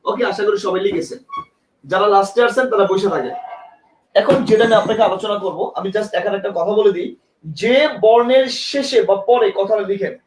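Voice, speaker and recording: A man's voice: high voice, fairly quick, echoey room, background noise. A man with a Bangladeshi Bengali accent teaching a live exam-prep lesson, repeating points and quizzing students with questions. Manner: emphatic, urges attention.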